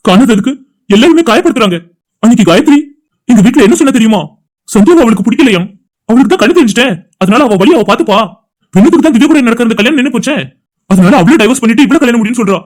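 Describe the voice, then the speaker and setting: Actor voicing a heartbroken young man, cartoon, rapid pleading delivery. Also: medium pitch, animated, close to an everyday voice. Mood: distressed. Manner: pleading, emotional storytelling. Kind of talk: cartoon voice acting.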